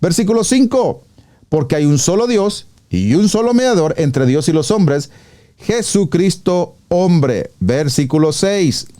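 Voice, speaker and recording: Male pastor, teaching sermon; slightly high, mellow tone; reads verses and pushes back with rhetorical questions. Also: expressive, a little slow.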